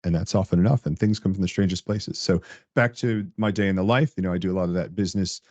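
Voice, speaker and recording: A man as a guest on a podcast, chatting casually and telling animated stories, laughing often. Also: deep voice, quick pace, dry recording, highs cut off. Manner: animated storyteller, laughs often, acts out coworkers' lines. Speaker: podcast guest, tech director. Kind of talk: casual interview chat.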